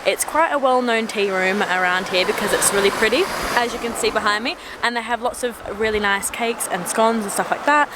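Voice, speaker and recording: A woman's voice: medium pitch, a little fast, few pauses, heavy background noise. A young woman chatting upbeat on a casual travel vlog, talking to a camera held at arm's length. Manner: chatty and upbeat, describing food and sights. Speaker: travel vlogger. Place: outdoors and in a tea room, on the road.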